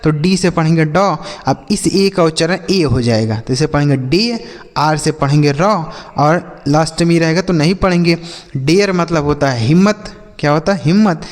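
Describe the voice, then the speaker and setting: A man gives a reading lesson in a high voice. He keeps asking his students questions and then answers them himself, repeating each point. The room adds a long, ringing reverb. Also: normal speed. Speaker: English teacher. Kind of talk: Hindi-language reading lesson.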